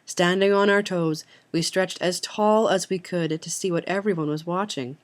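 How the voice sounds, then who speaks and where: A young woman, a student, reading a memoir excerpt aloud in an earnest, steady way with the odd slip. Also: lowish voice, moderate pace. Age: young adult. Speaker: student reader.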